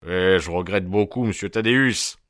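A man voicing a gruff, suspicious male porter who is a former boxer, talking bluntly in plain colloquial speech. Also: deep voice, normal speed, a bit bright, no room sound, clean studio sound. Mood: stubborn. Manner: blunt, colloquial, dropping negations.

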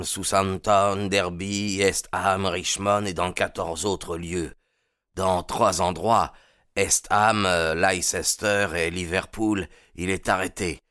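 A man's voice: low voice, a bit bright, smooth, dry recording, clean studio sound. A man voicing a frustrated, sullen male police inspector in an audiobook reading. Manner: sullen, grumbling.

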